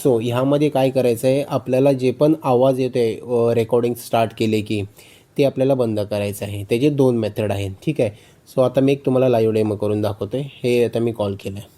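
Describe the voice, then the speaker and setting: A tutorial host walks viewers through a phone tutorial step by step, frequently repeating instructions and check phrases. His voice is mid-range with a dark tone.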